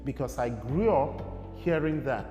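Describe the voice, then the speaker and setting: Being interviewed in an echoey room with long reverb and music in the background, a young Nigerian man speaks in an animated, unhurried, mid-range voice. He's casual and rambling, full of fillers.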